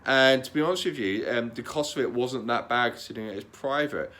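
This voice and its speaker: A man talking in a casual, candid vlog, calm and matter-of-fact, often repeating words and restarting sentences. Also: medium pitch, a little fast. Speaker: vlogger.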